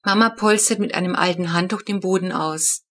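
A woman's voice: on the low side, a little fast, a bit bright. Woman reading a children's book. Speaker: audiobook narrator.

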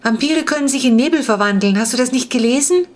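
A woman's voice: sits high, fast, pitched above the performer's own voice, close to an everyday voice. A woman reading a storybook, voicing a frightened young girl who talks breathlessly and urgently. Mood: alarmed. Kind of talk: audiobook reading.

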